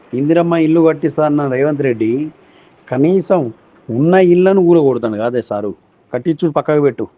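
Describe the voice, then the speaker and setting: A man's voice: a little high, mellow, no echo. A man with a Telangana accent delivering an indignant, accusatory political rant as an ordinary citizen in a voice message, firing off rhetorical questions. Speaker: disgruntled citizen. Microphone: phone voice recording. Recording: muffled lo-fi phone voice message.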